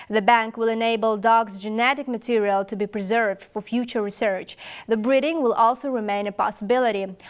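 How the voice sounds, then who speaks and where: Woman, news anchor, higher-pitched voice, scripted news delivery. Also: clear, resonant tone.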